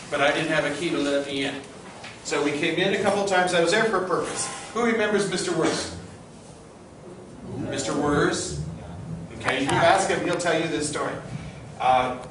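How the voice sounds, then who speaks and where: A middle-aged man giving an informal guided tour, telling stories to a group in a conversational way and putting questions to his listeners. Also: on the high side. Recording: distant, very echoey, noisy group-tour recording.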